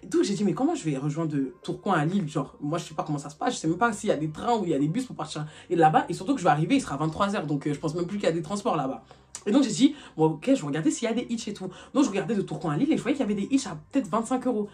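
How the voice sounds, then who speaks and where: Fast-talking animated young woman. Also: on the low side. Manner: rapid, animated retelling full of fillers. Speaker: vlogger telling a personal story. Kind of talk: casual storytime vlog.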